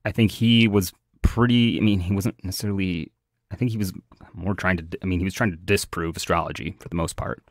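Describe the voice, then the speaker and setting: A man's voice: deep voice, fairly quick, no room sound, studio quality. A man talking as an astrologer co-host in a casual podcast chat, hesitant, full of fillers and restarts.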